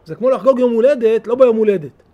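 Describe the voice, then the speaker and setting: Middle-aged male rabbi, very high voice, animated sermon delivery with pleading peaks. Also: narrow, tinny audio. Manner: animated, rising to pleading cries then dropping to soft asides. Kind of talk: weekly Torah talk.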